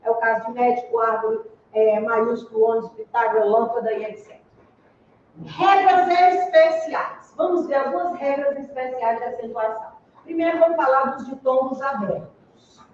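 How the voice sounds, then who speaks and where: A Brazilian woman teaching a Portuguese grammar class, slow and deliberate, spelling out letters and checking with her students. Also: fairly high pitch, darkish tone, slight background noise. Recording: echoey room, distant mic, dull sound.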